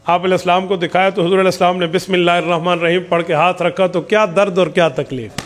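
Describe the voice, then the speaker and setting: A man's voice: high-pitched, long reverb tail. A man preacher telling a story dramatically in an Islamic sermon.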